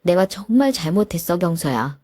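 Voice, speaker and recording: Wheedling, groveling husband acted by a woman narrator, lowish dry voice. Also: sing-song, moderate pace, dark tone, slightly rough, no room sound. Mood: pleading. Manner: pleading, wheedling. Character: groveling two-faced husband.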